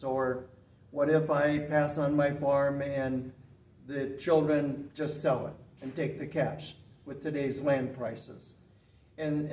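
An older man speaking as a guest expert in an interview, explaining in an earnest, emphatic and steady way, seated in a small indoor studio room. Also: a little high. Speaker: retired farm management professor, guest expert. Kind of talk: interview answers. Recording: roomy, slightly distant, faint hiss.

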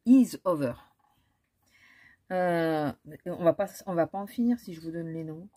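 Husky lady doing a makeup haul, slow and chatty, lots of um's. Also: on the low side, mellow. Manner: chatty, hesitant, many fillers and restarts. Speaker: beauty vlogger. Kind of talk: casual haul chat with swatches.

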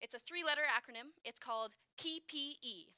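Bright high-voiced woman co-hosting. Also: a little fast, no room sound, studio quality. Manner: upbeat, giggly, explaining experiments. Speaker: science show co-host. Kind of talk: playful live-stream chat.

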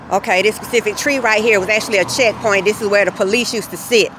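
Holding her phone camera as she walks through the city, a woman vlogs a walking tour and tells her own story, earnest and steady while airing grievances. She speaks quickly at a medium pitch, with faint street noise in the background outdoors.

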